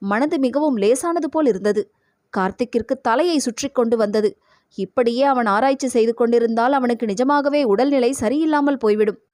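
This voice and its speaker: A woman narrates an audio novel in a steady, measured storytelling voice. Her voice sits fairly high for a woman and is recorded close and completely dry, with no room sound behind it. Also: no room sound.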